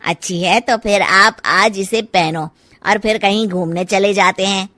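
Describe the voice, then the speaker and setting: A woman's voice: medium pitch, a little slow, bright, forceful tone, no room sound. A woman playing a casual, self-assured adult son in a family story. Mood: insistent. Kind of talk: acted dialogue in a family audio story.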